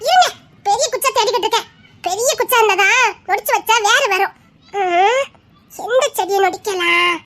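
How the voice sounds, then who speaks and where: A woman playing a shy young village woman in love, with a Tirunelveli Tamil accent, soft and tearful, giggling through tears. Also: very high voice, moderate pace, no room sound. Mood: playful teasing. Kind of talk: acted romantic drama.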